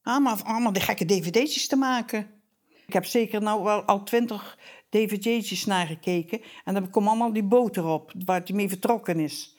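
A woman's voice: medium pitch, normal speed. Wistful older woman, plain-spoken. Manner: plain-spoken, wistful, drops to a near-whisper at times. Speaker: interviewee, widow. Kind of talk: candid documentary interview.

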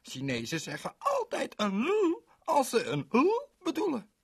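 A man's voice: very high voice, huge pitch swings, measured pace, slightly rough, voice pushed up, heavily acted. A man voicing a cheerful, chatty little girl who swaps her r sounds for l in a children's story. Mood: eager.

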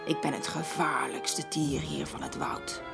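A woman reading aloud to a child, voicing a boastful little mouse in a storybook with a slow, self-important delivery. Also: sits low, fairly even intonation, gravelly, over music, pitched below the performer's own voice, full character voice.

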